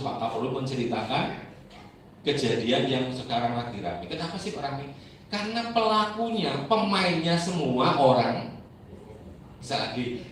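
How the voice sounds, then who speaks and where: A man preaching a sermon as pastor, animated, acting out members of his church and children in raised voices. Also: on the high side, slight background noise. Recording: echoey church hall, mic at a distance.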